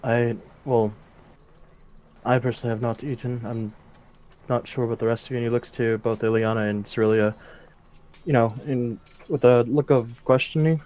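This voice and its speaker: A man plays a character in a tabletop game. His voice is mid-pitched and very mellow. He phrases things in a measured, slightly formal way. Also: steady tone.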